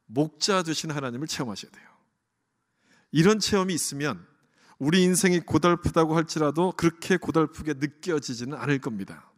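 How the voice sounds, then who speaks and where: A man's voice: fairly high pitch, fairly quick. A pastor preaching an earnest sermon to his congregation in a church, often asking them questions. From Korea. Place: church sanctuary. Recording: long church hall reverb.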